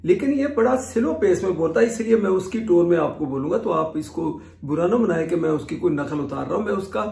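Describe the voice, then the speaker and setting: A middle-aged man tells a rambling story for his vlog, his raised voice catching in a gravelly fry. He restarts and wanders off on asides. The sound bounces around a bare, echoey room. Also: high voice, expressive, fairly quick, a little mellow. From Pakistan. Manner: chatty, digressive, many restarts. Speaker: vlogger.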